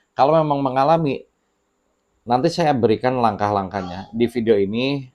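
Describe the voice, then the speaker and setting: A man talking casually to camera in a small home studio, giving relaxed, unhurried advice with many fillers and pauses. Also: medium pitch. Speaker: channel host sharing debt advice. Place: small home studio with children heard nearby.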